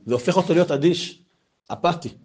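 A man, giving an informal Torah talk full of personal stories and rising to loud, animated bursts. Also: a little high, heavy background noise. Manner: animated storytelling, voice swells when excited. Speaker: religious lecturer.

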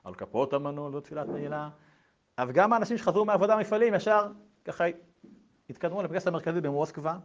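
A man preaching a sermon, telling a story in a lively way with colloquial asides. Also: on the high side, lo-fi sound.

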